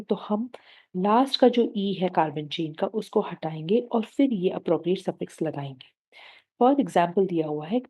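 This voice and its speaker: Woman teaching, mellow tone. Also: mid-range voice, highs cut off. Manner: Hindi-English mix, patient step-by-step explaining. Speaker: science teacher. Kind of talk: explaining a chemistry lesson.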